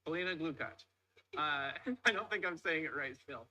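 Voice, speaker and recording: A man's voice: a little high, animated, moderate pace, bright, forceful tone, poor audio. A man hosting an interview, with upbeat, salesy enthusiasm as he introduces and questions his guest. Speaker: host. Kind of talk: casual interview.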